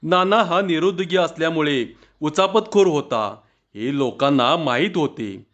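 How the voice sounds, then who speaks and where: A man reads a humorous village tale in a steady, measured narrating voice. His pitch sits fairly high for a man. The recording sounds muffled and lo-fi. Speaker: storyteller. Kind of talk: humorous story reading. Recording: dull lo-fi recording.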